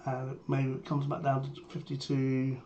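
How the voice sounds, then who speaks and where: At a measured pace, a medium-pitched trader with a strained, sore-throat voice lays out his premarket plan in matter-of-fact live commentary, sounding under the weather. The highs are cut off, and steady background noise and keyboard typing can be heard.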